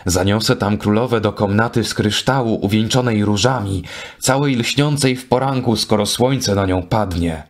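A man's voice: lowish voice, moderate pace, close to an everyday voice. A man voicing a knight disguised as a ragged madman, speaking in a strangely altered, singsong voice for a storybook reading. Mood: crafty, dreamy. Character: Tristan disguised as a ragged mad fool. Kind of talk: audiobook character reading.

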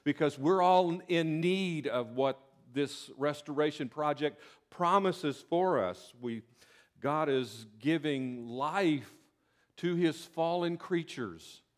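A man's voice: fairly high pitch, slow. An older man with a Southern US accent preaching a sermon from a pulpit in a church sanctuary, folksy and earnest, often restarting his words. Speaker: pastor. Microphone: pulpit mic.

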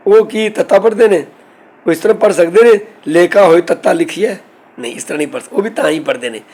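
A man giving a verse-by-verse scripture lesson, reciting lines slowly and then explaining them in an earnest, instructive way. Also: fairly high pitch, vocal fry, darkish tone, poor audio. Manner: earnest, instructive, corrects pronunciation. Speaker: scripture teacher.

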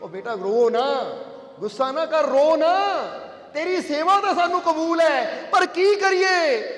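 Man as soothing old male saint, tender, high voice, echoey hall, faint music. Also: lively intonation, a little fast, fairly bright tone. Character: elderly male Sufi saint, gentle and loving.

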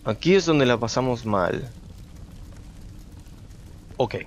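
A man's voice: medium pitch, slow pace, dull audio, slight background noise. A young man giving casual gameplay commentary, chatty and thinking aloud as he plays, talking to his viewers. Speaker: gameplay streamer.

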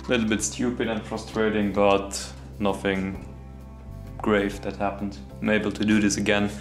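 A man's voice: on the low side, little pitch movement, normal speed. A young man, explaining his boatbuilding steps in a casual, self-critical workshop vlog, recorded on an action camera. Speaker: hobby boatbuilder. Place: indoor garage workshop. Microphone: action camera, handheld and set down. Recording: roomy workshop echo, faint music.

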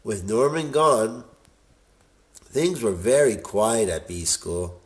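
A man reading a children's picture book aloud in a lively, expressive way. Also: fairly low pitch, slow. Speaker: storybook reader.

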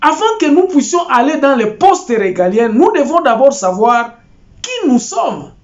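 A man's voice: very high-pitched, a little slow, dull audio. An older Congolese man giving political commentary to camera from a small home office, gesturing and restarting his words. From Congo (DRC). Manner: animated, gesturing, with many repeats and restarts.

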